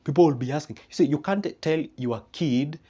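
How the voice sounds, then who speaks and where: A man's voice: a little high, moderate pace, breathy edge. A man with a Kenyan accent giving a motivational talk, asking the audience questions and acting out what friends would say. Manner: animated, rhetorical questions, acts out friends' replies. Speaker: motivational speaker. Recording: dull lo-fi recording.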